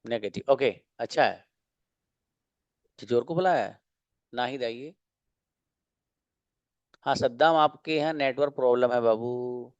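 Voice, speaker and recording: A man's voice: medium pitch, no room sound, muffled recording. Guy teaching english grammar online, asks stuff then answers it himself, dry close mic. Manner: explains slowly, asks and answers own questions. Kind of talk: online class lecture.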